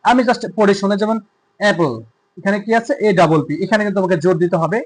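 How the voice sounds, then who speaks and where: High-voiced Bangladeshi male teacher. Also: rough recording. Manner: slow, careful reading of English lines, then explaining them. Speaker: English teacher. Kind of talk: textbook lesson explained in Bengali.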